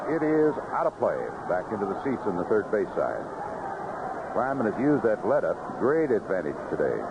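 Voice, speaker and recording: An old 1970s radio broadcast carries a man's mid-range voice calling baseball from the ballpark booth. He delivers clipped, vividly descriptive play-by-play, while the band-limited audio is dull and the background noisy.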